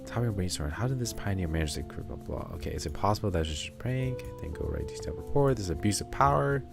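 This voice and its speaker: Man streaming a story game, deep gravelly voice, chill jokey reads, faint music behind. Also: animated, fast. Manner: laid-back, joking, reads game text aloud. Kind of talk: casual gameplay commentary. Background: soft background music.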